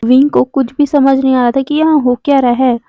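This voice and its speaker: A woman's voice: high-pitched, fairly even intonation, a little fast, mellow, dry recording. A woman casually retelling a fan fiction story, chatty, with fillers and self-corrections. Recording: dull lo-fi, dry sound.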